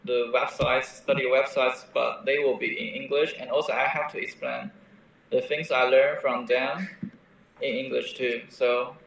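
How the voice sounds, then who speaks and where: A young man whose first language is Mandarin Chinese, a language teacher, answers interview questions hesitantly, pausing with fillers. His mid-range voice is creaky and fairly bright with little pitch movement. The recording sounds distant and very echoey, with the mic far off and faint noise.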